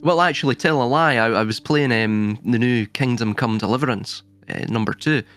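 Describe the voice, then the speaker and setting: A man speaks at an ordinary middle pitch. He talks reflectively, pausing and restarting as he feels his way to the right word, with a light laugh here and there. Quiet music sits in the background. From Scotland. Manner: reflective, searching for words, laughs now and then. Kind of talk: casual philosophical conversation.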